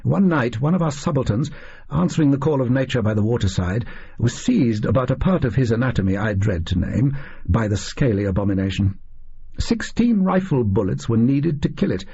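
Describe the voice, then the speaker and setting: A man's voice: mid-range voice, lively intonation, fairly quick, gravelly, warm tone, slightly rough, lo-fi sound, full character voice. A man voicing a stolid, bemused Victorian army doctor with an English accent and a hesitant, incredulous manner in an audio story. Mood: grave, reminiscing.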